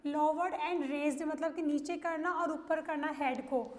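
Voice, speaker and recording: A woman's voice: high-pitched, fairly even intonation, normal speed, a little mellow. A woman teacher with an Indian accent explaining vocabulary to a class, repeating words and asking questions as she goes. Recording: roomy sound with long reverb.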